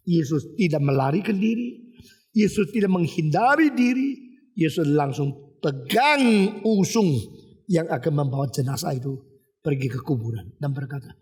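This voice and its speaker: A man's voice: a little high, darkish tone, slightly rough. A male pastor preaching a sermon with emphatic, repetitive rhetoric, now and then switching into English.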